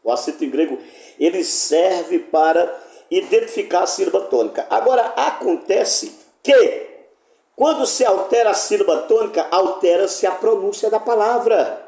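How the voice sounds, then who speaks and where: A man's voice: sits high, lively intonation, moderate pace, mellow, echoey room. A man gives an emphatic, indignant live lecture as a Greek teacher, speaking from his sofa at home. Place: home living room, on a sofa.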